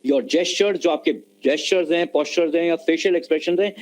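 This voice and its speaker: A man's voice: a little high, brisk, darkish tone, poor audio. A man giving an online lecture on communication skills, explaining patiently and mixing Hindi and mid-sentence over a video call. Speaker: webinar lecturer.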